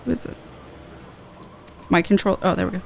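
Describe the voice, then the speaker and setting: A playful, sweary woman with a medium-pitched, gravelly voice chats casually at normal speed while streaming an online game and reading its dialogue aloud. Game music plays in the background, with a little hiss or hum.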